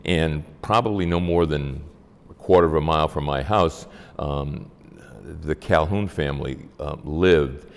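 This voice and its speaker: Very deep-voiced older New man, reverberant. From Massachusetts, United States. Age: 70s or older. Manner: halting, measured, with frequent pauses. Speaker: interviewee. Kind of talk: oral history reminiscence. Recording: long hall-like reverb.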